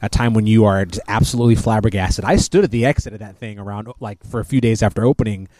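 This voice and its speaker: A man's voice: lowish voice, fast talker, dark tone, no room sound. A man co-hosting a podcast who listens supportively, laughs often and adds short jokes. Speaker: podcast co-host. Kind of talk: casual chat.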